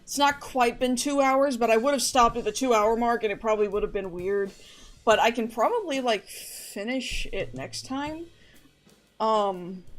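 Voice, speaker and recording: A woman streams and talks loosely to her viewers, wandering off on tangents and circling back. Her voice sits a little on the high side. Soft game music plays faintly behind her. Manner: rambling, chatty, often restarts and trails off. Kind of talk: casual chat to a live stream audience.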